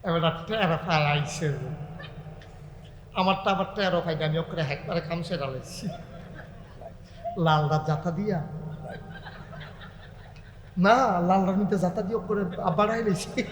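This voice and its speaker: Man, sermon, sing-song preaching, high voice, long hall reverb. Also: measured pace, pauses often, a little hiss or hum. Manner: sing-song preaching, rising to loud calls and dropping to soft banter.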